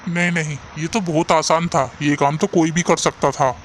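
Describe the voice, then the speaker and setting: A man's voice: fairly high pitch, flat delivery, normal speed, slight background noise, lightly acted. A man voicing a poor young junk seller in a cartoon story, earnest and caring, sometimes despairing. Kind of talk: cartoon voice acting.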